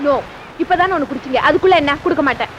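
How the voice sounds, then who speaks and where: A woman's voice: high-pitched, racing, fairly bright tone, lo-fi sound, slight background noise. An actress playing a spirited young woman who teases and stands her ground, in a 1970s film scene. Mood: teasing. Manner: playful teasing, then spirited. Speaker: young woman in love, daughter.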